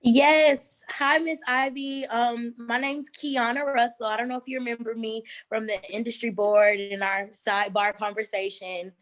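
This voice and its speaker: A woman's voice: on the high side, steady tone, normal speed, hardly any pauses. Young woman, student, courteous and friendly, brief question on a call. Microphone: video call.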